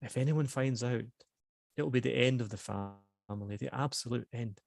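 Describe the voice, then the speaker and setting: A man with a Scottish accent reading the lines of an anxious young woman, the niece of a guild leader, with earnest, hushed urgency. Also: mid-range voice, normal speed, vocal fry, no echo, studio quality, voice pushed up, natural voice. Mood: urgent, uneasy.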